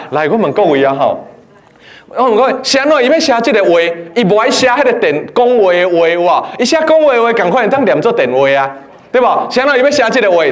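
High-voiced playful male teacher. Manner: lively, playful, quizzing the class. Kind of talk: lecture to a class. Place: classroom.

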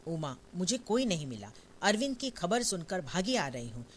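A woman's voice: fairly low pitch, sing-song, normal speed, a little hiss or hum. A reader voicing a distraught woman of forty-two in a stage play, crying out in panic. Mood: frantic. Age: 40s. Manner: frantic, crying out in a raised voice. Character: distraught middle-aged wife, frantic.

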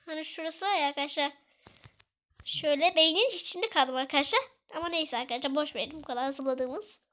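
Woman gamer, very high voice, chatty and excitable let's-play commentary. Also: brisk. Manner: excitable, chatty, exclaiming, scolding the game aloud. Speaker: gaming video creator.

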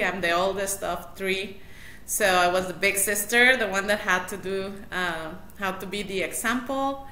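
Speaking in a mid-range voice, this middle-aged matchmaker from Mexico City sounds bright as she chats casually in an interview. She's on a video call from a small room, with roomy, noisy audio.

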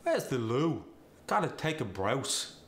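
Here a man gives a full character voice as a cheeky Cockney working-class bloke, delivering slang-lesson example sentences in a punchy, colloquial Cockney accent. He speaks slowly at medium pitch, a bit bright, with big swings in pitch, over roomy echo and faint background noise.

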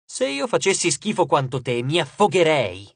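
A brash teenage boy hero in an audiobook, all showy bragging and mockery, as a male narrator puts him on. His voice leaps around with lively swings in pitch, recorded close and dry. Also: moderate pace, vocal fry, breathy edge, no echo, heavily acted. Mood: mocking. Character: cocky teenage boy hero, boastful joker.

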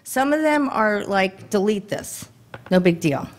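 Brisk woman presenting at a podium. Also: medium pitch, lively intonation. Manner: brisk, conversational, rhetorical questions to the audience. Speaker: government contracting presenter. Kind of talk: conference presentation. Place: dim conference hall. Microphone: podium microphone.

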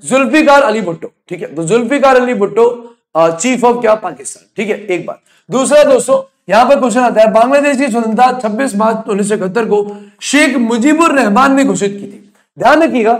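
High-voiced male exam teacher. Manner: quizzing students, answering his own questions; blunt, scolding students. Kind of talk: online exam coaching lecture.

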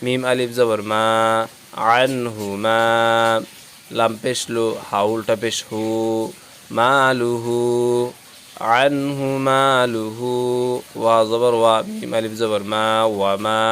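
A man's voice: mid-range voice, little pitch movement, slow, long pauses, a bit bright, a little hiss or hum. A man teaching Quran reading, patiently spelling out each syllable letter by letter and joining them into words.

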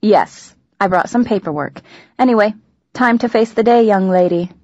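A woman's voice: mid-range voice, normal speed, a little mellow, no echo, highs cut off, lightly acted. A woman voicing an upbeat, doting middle-aged mother in an audiobook, eager and cheerful. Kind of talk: audiobook dialogue.

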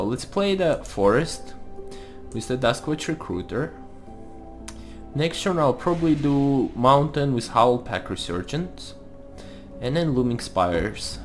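A man giving casual gameplay commentary, thinking aloud as he plays. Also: mid-range voice. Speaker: host of a card game let's play series. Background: music.

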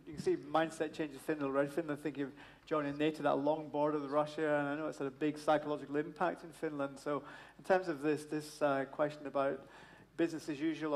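A middle-aged man moderating a panel discussion on a stage, asking long framing questions into a handheld mic. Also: on the high side. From Scotland. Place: stage in a large hall.

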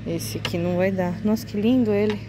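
On a quiet residential street, a woman vlogs with her phone in hand, chatting eagerly to viewers in a casual walkthrough while faint street noise drifts in. Her voice is mid-range and steady, and she talks briskly.

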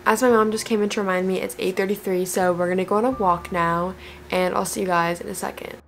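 A woman's voice: mid-range voice, fairly even intonation, fast talker, faint music behind. A young woman chatting casually to camera in a vlog, filling her talk with "like", recorded on a handheld phone. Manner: chatty, constant "like" fillers. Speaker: vlogger.

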